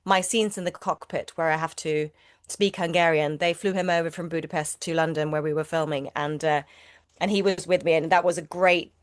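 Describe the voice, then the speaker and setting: Clean studio audio without echo captures a middle-aged actor, a native Swedish speaker, in a relaxed interview. Her voice is deep and fairly quick, with fairly even intonation, and she speaks loosely with frequent restarts and repeated words.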